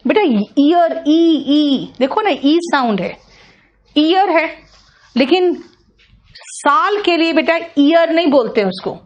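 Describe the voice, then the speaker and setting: A woman's voice: high voice, animated, takes it slowly, long pauses, highs cut off. A woman with an Indian accent teaching English pronunciation in an online class, patiently repeating sounds and checking that students follow.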